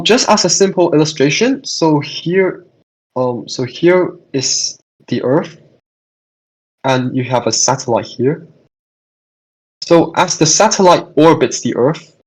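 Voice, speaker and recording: Husky-voiced young man tutoring online. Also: medium pitch, a little mellow, low-quality recording. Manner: hesitant, repeats and restarts phrases, answers chat questions. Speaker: student tutor hosting a revision session.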